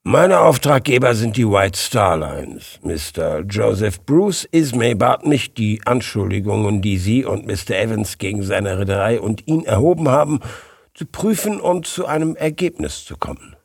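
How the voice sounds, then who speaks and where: A man voicing a composed, deliberate male detective in an audiobook. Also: lively intonation, creaky, breathy edge, no room sound, clean studio sound, heavily acted. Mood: measured. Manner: composed, deliberate, lower-pitched. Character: calm, measured male detective. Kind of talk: audiobook character voice.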